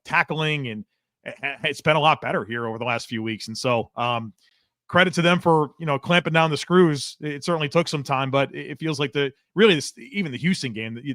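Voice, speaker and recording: An excitable man breaking down a football game on a podcast, with a bright, forceful edge to his voice. He talks with emphatic bursts, and the mic sound is close and dry. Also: medium pitch, no room sound. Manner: excitable, emphatic, says he is catching his breath. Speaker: sports podcast analyst. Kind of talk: casual sports talk.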